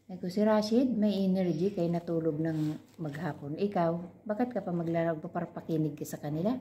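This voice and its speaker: A woman's voice: lowish voice, brisk, warm tone, a little hiss or hum. A woman vlogger in a casual chat, animatedly telling a story and acting out how she scolded a child.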